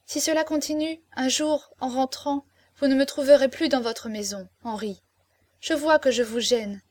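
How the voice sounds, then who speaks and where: A woman's voice: high voice, moderate pace, a little mellow, no room sound. A woman voicing a tender, pleading young woman in an audiobook, speaking with emotion and imploring tearfulness. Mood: reproachful. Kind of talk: audiobook character reading.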